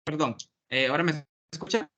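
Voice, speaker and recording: Male lecturer, bright voice, audio cutting in and out over a bad video-call connection. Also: fairly high pitch, fairly quick, dull audio. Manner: plain explanatory, with hesitant fillers. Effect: choppy, breaking-up internet connection. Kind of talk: online class lecture. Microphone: computer mic on a video call.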